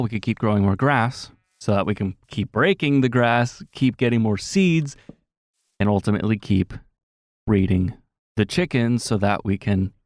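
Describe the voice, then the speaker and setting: A lower-pitched man talking through his gameplay in a loose, rambling way, stopping to correct himself and filling gaps with "um". His throat sounds a bit sore. The sound is dry and close, with no room in it. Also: darkish tone, no echo. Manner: rambling, self-correcting, with many fillers. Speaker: gaming commentator. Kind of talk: casual gameplay commentary.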